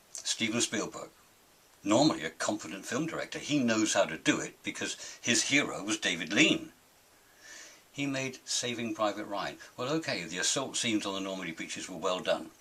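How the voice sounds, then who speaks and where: Older male, gravelly-edged husky tone, animated pitch swings, indignant curmudgeon holding forth on his pet gripes. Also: normal speed. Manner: grumpy, indignant, emphatic. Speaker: opinionated film critic and host of his own show. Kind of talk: rambling opinionated monologue.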